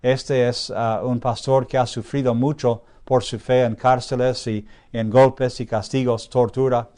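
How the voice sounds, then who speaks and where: A man teaching a Bible class, pausing on drawn-out "ah" fillers, slowing down to stress key phrases and checking in with his listeners with a questioning "sí". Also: mid-range voice, level tone, a little mellow. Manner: frequent drawn-out "ah" fillers while thinking. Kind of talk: classroom lecture.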